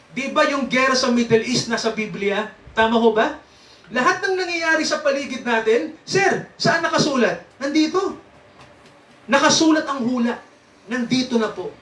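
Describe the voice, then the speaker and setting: Male preacher, high bright voice, chatty teaching style, roomy distant recording. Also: lively intonation, normal speed. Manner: asks the congregation questions, frequent "no?" and "sir"; chuckles often while teaching. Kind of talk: interactive Bible teaching. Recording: echoey room, mic at a distance.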